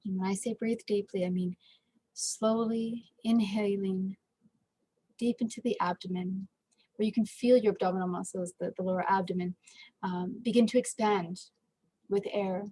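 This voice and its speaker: A woman leading a guided meditation in a gentle, unhurried way, with frequent fillers and pauses. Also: mid-range voice, breathy edge, rough recording.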